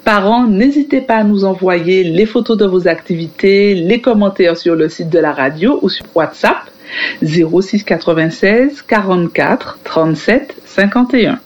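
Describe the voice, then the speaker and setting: A woman's voice: medium pitch, moderate pace, darkish tone. A woman presenting a children's radio show, addressing parents and children in a friendly way. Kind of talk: scripted sign-off for parents and children.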